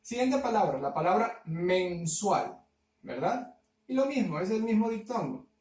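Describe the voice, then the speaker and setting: A male primary teacher with a fairly high voice talks pupils through a grammar worksheet. He slows down to pronounce example words syllable by syllable and keeps checking understanding with short questions. He sounds set back from the microphone in an echoey room. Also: very animated, darkish tone, recorded from a distance. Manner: slow, syllable-by-syllable word spelling with frequent "¿verdad?". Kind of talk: recorded grammar lesson.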